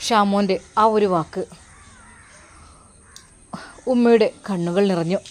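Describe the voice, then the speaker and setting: A woman's voice: mid-range voice, moderate pace, a little mellow. A woman with a Malappuram Malayalam accent narrating an emotional family story expressively.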